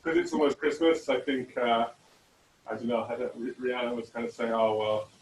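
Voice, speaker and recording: A man's voice: mid-range voice, a little fast, roomy sound, distant mic, a little hiss or hum, poor audio. A man co-hosting a casual online teachers' meetup, rambling with lots of fillers and restarts over a video call. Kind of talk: casual chat.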